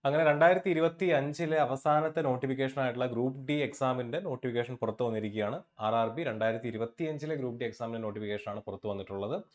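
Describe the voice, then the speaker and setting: A man's voice: mid-range voice, quick pace, hardly any pauses. Man teaching exam prep, repeating key points. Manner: asks and answers his own questions, repeats key points. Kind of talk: online exam-prep lesson. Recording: dull lo-fi audio.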